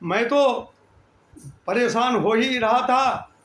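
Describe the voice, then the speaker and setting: Slow, high-voiced older man. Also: a bit bright. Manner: slow, deliberate, with pauses and restarts. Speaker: elder recounting his life story. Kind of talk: spoken life-story narration. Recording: echoey room.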